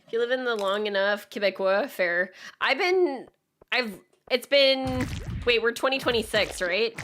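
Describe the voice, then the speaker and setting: Bright-voiced Acadian woman streamer chatting casually. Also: on the high side, measured pace. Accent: Acadian Canadian. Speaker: live streamer. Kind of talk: casual chat to stream viewers.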